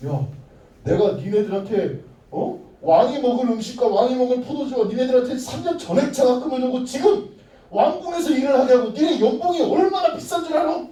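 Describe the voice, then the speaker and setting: A man voicing a furious, boastful ancient king who shouts and scolds, heard from far off in an echoey room. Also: very high-pitched, brisk, voice pushed up.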